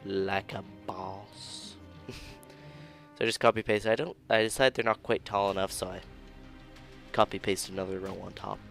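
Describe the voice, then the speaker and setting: A man's voice: fairly low pitch, fairly even intonation, a little fast, creaky, pauses often, fairly bright tone, faint music behind. A young man casually narrating his own 3D modeling build, laid-back and self-deprecating, chuckling now and then and sounding tired of rerecording. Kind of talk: casual screen-recorded commentary.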